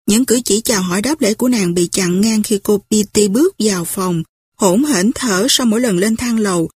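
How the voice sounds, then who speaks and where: A woman narrates a novel as an audiobook, telling it expressively in a slightly high, breathy voice. The sound is dry and close to the mic. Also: darkish tone, no room sound. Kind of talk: scripted narration.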